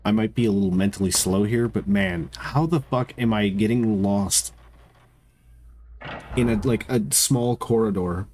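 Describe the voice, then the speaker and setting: Congested male streamer, low voice, swears and jokes through casual play-by-play. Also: measured pace, a little mellow, a little hiss or hum. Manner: profane, joking banter. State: congested nose. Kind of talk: casual gameplay commentary.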